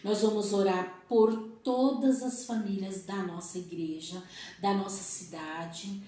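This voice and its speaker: A woman teaching a Sunday school lesson to young people, animated and acting out family dialogue as she speaks. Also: medium pitch, a little slow. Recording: very echoey hall, distant mic.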